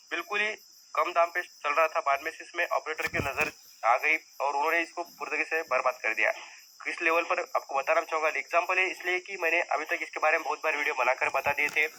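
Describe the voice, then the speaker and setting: A man's voice: a little high, bright, forceful tone, a little hiss or hum, poor audio. A man teaching viewers about stock market risk in a conversational, repetitive lesson style. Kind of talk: explanatory screen-share lesson.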